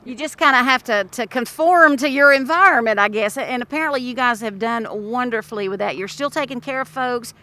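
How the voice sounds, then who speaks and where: Bright masked woman interviewing outdoors. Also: a little high, fairly quick, hardly any pauses. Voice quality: talking through a face mask. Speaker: local TV host interviewer. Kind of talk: interview for a local TV segment. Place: outdoors near road traffic. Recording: outdoors by passing traffic.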